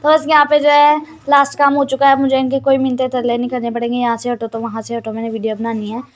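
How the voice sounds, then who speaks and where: A woman's voice: a little high, level tone, fast talker, dull audio. A teenage girl narrating a casual home vlog, chatty and complaining about her sisters. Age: teens. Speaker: vlogger.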